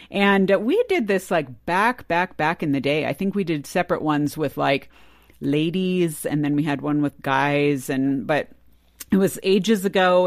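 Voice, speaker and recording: A woman's voice: lowish voice, no room sound, studio quality. Chatty woman hosting a radio show. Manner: chatty, quick asides and fillers. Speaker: podcast host. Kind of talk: casual radio show chat.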